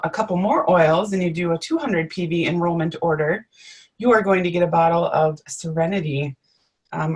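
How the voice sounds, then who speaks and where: A woman co-hosting a live webinar, explaining things in a friendly, casual way with frequent ums. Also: fairly low pitch. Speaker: webinar co-host. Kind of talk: casual presenting.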